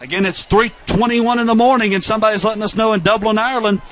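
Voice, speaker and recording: A male announcer calls high school football with a chatty, easygoing manner, reading viewer messages between plays. His voice sits high and sounds bright and forceful. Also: fairly even intonation, fast. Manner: chatty, reads out viewer shout-outs. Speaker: play-by-play announcer.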